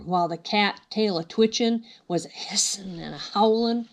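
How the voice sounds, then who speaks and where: A sweet old lady reads a picture book aloud in a folksy, singsong rhythm, dropping her g's as she goes. Her voice sits at a middle pitch for a woman. The recording carries noise and small clicks. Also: moderate pace. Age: older. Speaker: grandmother reading a picture book. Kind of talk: storybook read-aloud.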